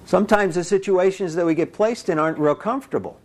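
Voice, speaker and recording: A man preaching a sermon, animated and folksy, acting out little voices and dialogue as he speaks. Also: high-pitched, fast. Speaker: pastor.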